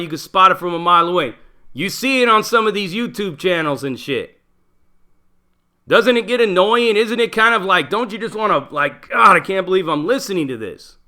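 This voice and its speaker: Blunt, high-voiced streetwise man. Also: pushed and bright. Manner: blunt, profane, streetwise slang. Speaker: channel host, former prisoner. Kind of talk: casual monologue.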